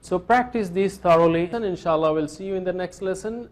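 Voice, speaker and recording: A man's voice: high-pitched, takes it slowly. A man teaching Arabic vocabulary in a call-and-response drill, patiently repeating each word form.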